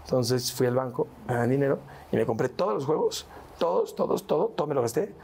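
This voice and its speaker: A man with a Mexican accent speaks as an interview guest, his voice at a middle pitch with a gravelly, creaky edge. He talks in slangy, casual storytelling. He keeps tagging his sentences with "¿no?" and "güey". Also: lively intonation, fast, a little mellow, a little hiss or hum. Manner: slangy, tags lines with "¿no?" and "güey".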